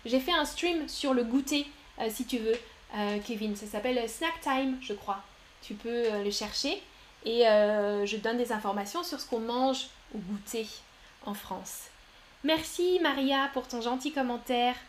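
A woman with a high voice runs a French lesson on a live stream, reading the chat's answers aloud in succession and praising all of them in an upbeat, encouraging way. She speaks a little slowly, with slight background noise present.

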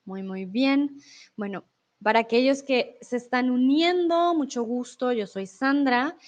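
A woman's voice: high-pitched, unhurried, lo-fi sound. A woman from Colombia with a Colombian accent, giving a casual live Spanish lesson and chatting with viewers. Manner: chatty, explains with examples and asks "¿vale?". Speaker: Spanish teacher on a livestream.

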